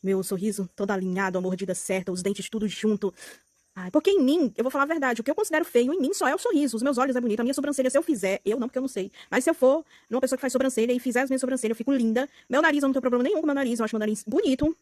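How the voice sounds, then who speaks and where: A young woman with a Brazilian Portuguese accent, venting outspokenly in a casual vlog, swinging between soft and loud. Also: sits high, rapid-fire, few pauses, no room sound, studio quality. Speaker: vlogger.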